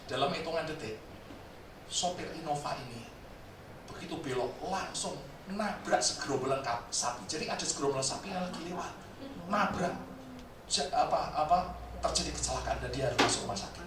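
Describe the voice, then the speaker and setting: Lively joking male preacher, echoey hall. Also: on the high side, brisk. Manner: animated, joking storyteller addressing the congregation. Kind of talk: sermon. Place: church service hall. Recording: very echoey hall, distant mic, faint noise.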